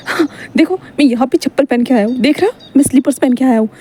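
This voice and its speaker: A woman's voice: sits high, quick pace, mellow, breathy edge. A woman voicing a petulant young man in a storybook reading, stammering and complaining. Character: petulant, quarrelsome young man, sleepy and whiny.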